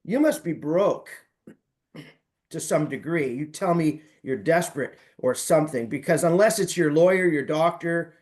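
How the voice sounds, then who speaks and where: A man's voice: a little high, expressive, moderate pace, darkish tone. A man chatting on a group coaching call, telling light, joking stories about sales calls and acting out what people said. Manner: storytelling, light and joking, acts out quoted voices. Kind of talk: casual group call chat.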